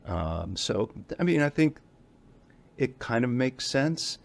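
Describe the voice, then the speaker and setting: A man's voice: medium pitch, big pitch swings, slow pace, gravelly. A middle-aged man speaking as an interview guest in a casual, rambling way, often correcting himself and chuckling between points. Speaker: guest, association executive.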